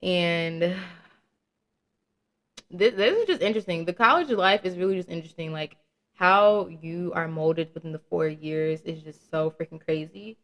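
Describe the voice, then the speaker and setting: Speaking at a normal speed in a lowish voice, a young woman around twenty hosts her own podcast. Her solo chat is candid and casual, full of slang and swearing, and she laughs at her own jokes.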